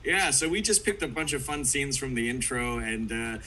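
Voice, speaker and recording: A man from Canada chats as a guest on a video call, rambling easily and laughing often. His voice is bright, with faint background noise underneath it. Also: medium pitch, lively intonation, moderate pace, rough recording. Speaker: guest voice actor. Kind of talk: casual video-call chat.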